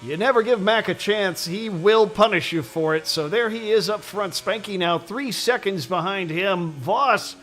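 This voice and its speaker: A man calling a sim racing event as play-by-play commentator, excitable and quick to exclaim. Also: sits high.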